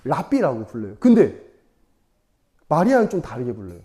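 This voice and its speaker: A man's voice: mid-range voice, huge pitch swings, moderate pace, mellow. A young man preaching to children in a casual storytelling sermon, chatty and playful, laughing often and asking the audience questions.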